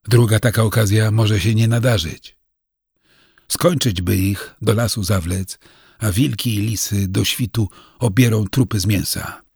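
A man voicing a ruthless young peasant who eagerly urges his uncle on, in a raspy voice. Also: on the low side, a little slow, a little mellow, no echo, clean studio sound, full character voice. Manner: eager, wheedling persuasion.

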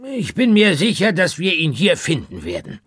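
A man voicing an eager gentleman shop owner in a children's audiobook, excited and stammering when nervous. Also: fairly high pitch, moderate pace, slightly rough, no echo, clean studio sound, voice pushed up, exaggerated voice. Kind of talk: audiobook character voice.

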